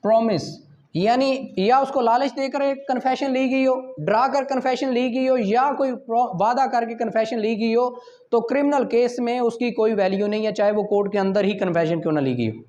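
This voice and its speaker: A man with a Pakistani accent and a very high, darkish voice lectures law students, reading formal passages slowly and deliberately before explaining them in a didactic way. The audio is dull.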